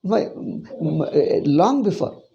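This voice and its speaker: An older man with a South Indian accent speaks in a high, mellow voice. He teaches informally, like a monk holding a discourse, and repeats phrases for emphasis. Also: very animated, takes it slowly, vocal fry, muffled recording. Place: small indoor room. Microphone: clip-on lapel mic.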